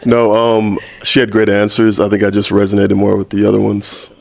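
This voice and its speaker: A man on a dating show gives short, low-key answers. His voice is very deep and flat. It has a gravelly, creaky edge. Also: brisk. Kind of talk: casual dating show talk.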